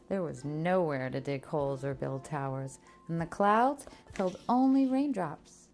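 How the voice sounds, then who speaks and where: With a deep, darkish voice, a woman reads a children's picture book aloud from a script. She narrates expressively and stretches out key words for emphasis, like a storybook reader.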